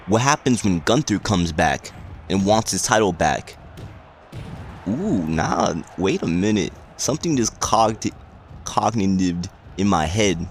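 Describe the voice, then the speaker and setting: A man vlogging in a rambling, excitable rant full of swearing. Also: lowish voice, a little hiss or hum. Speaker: wrestling vlogger. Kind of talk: casual vlog rant.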